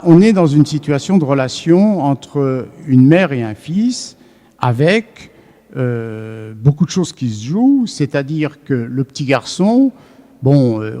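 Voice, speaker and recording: A man's voice: fairly high pitch, darkish tone. A man giving an academic lecture to a live audience, thinking aloud and often restarting his sentences. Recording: long reverb of a lecture hall.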